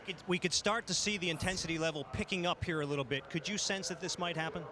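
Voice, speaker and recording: Male pit interviewer, quick live delivery, slightly high register, crowd noise behind.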